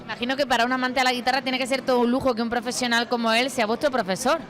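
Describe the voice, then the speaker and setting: A woman reporting for TV, her fairly high voice moving quickly through friendly questions. Guitar music plays clearly behind her. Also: flat delivery. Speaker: field reporter. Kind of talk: on-location TV interview.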